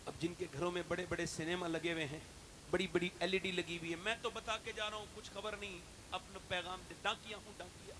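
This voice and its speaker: A man preaching an impassioned sermon, telling stories in a hushed voice and rising to loud, shouted appeals with questions to the audience. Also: sits high, level tone, background noise. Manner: swings from hushed storytelling to loud shouted exhortation.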